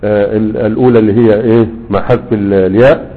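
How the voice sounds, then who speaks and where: A man's voice: lowish voice, fairly even intonation, fast talker, husky. A man with an Egyptian accent teaching grammar, reciting verses and quizzing listeners with rhetorical questions. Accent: Egyptian Arabic. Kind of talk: recitation and explanation lesson. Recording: tinny phone-like sound.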